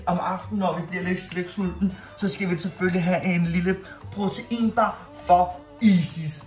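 A man's voice: high-pitched, fairly even intonation. Man, 30s, fitness coach vlogging; playful and chatty, roomy kitchen sound with faint music. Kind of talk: casual cooking vlog. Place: small home kitchen. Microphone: camera at medium distance.

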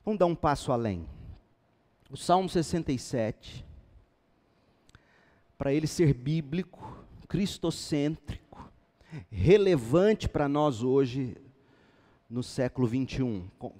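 A man preaching a sermon as pastor, reading scripture and building to loud, emphatic passages. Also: mid-range voice, lively intonation, measured pace, long pauses. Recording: long hall reverb.

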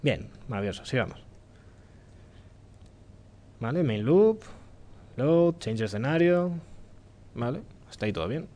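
Spanish guy from spain doing a live coding talk, jokey, mid pitch, kinda rambly. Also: big pitch swings, unhurried, pauses often, warm tone. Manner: informal, joking, thinking aloud. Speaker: conference speaker. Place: lecture room.

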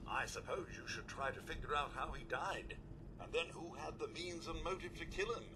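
An actor voicing a courteous, fussy robot butler with formal, deferential phrasing in video game dialogue. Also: male voice, on the high side, animated, moderate pace, background noise. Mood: polite.

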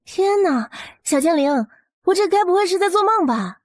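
Woman voicing a bold, high-voiced young heroine. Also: animated, quick pace, a little mellow, no room sound, studio quality. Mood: amazed, delighted. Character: spirited, practical, bold young heroine of historical romance. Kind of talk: historical audio drama dialogue.

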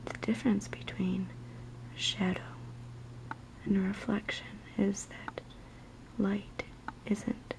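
A young woman giving a soft-spoken, whispered ASMR chat in a gentle, unhurried, soothing murmur. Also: medium pitch, creaky, rough recording. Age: young adult. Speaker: ASMR video maker.

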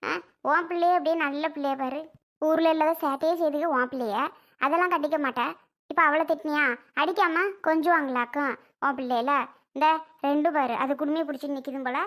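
A fussing old grandmother, scolding and protective of her granddaughters, as a woman acts her out. She lectures in a very high, thin voice and breaks into dramatic sighs. It is a homemade family comedy skit. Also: fairly even intonation, fairly quick, a bit bright.

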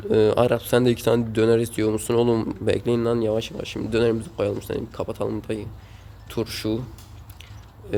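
At home, a man who runs a gaming channel gives casual, rowdy gameplay commentary, swearing often as he scolds the game's characters. His voice is on the low side and mellow, with a little hiss or hum in the recording.

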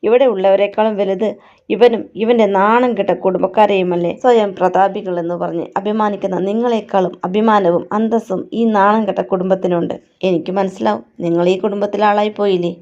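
A woman's voice: medium pitch, steady tone, a little fast, darkish tone, lightly acted. A woman voicing a proud young man defending his family, indignant and scornful, on a dull lo-fi recording.

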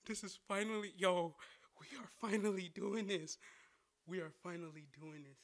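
A man's voice: sits high, moderate pace, a bit bright. A young man live-streaming a game, greeting chat by name with lots of slang and hyped chatter.

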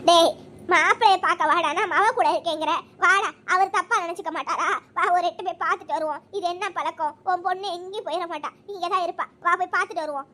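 A woman's voice: extremely high pitch, fast talker, pushed and bright. Woman doing a fond old village grandmother. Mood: scolding. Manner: doting, fussing, sing-song rural Tamil.

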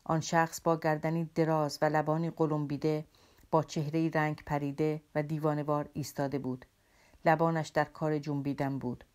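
Low-voiced woman narrating an audiobook. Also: flat delivery, darkish tone. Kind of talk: scripted literary narration.

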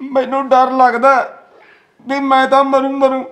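A man's voice: extremely high pitch, completely flat delivery, fairly bright tone. An actor playing a frightened young village man, crying and pleading, with a Malwai Punjabi accent. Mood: tearful. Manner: tearful, pleading, halting. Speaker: nephew in a family drama. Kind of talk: web series acting.

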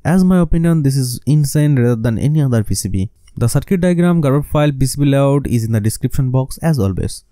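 A man's voice: mid-range voice, warm tone, no room sound. A man with a Bengali accent, a native Bengali speaker, narrating a scripted DIY how-to in non-fluent English. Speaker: host of a DIY electronics channel.

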